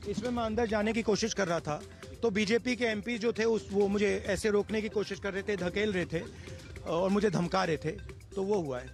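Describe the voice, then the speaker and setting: A man, a politician, speaking haltingly to reporters and cameras with hesitations. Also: high voice, creaky, faint music behind. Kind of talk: impromptu remarks to cameras.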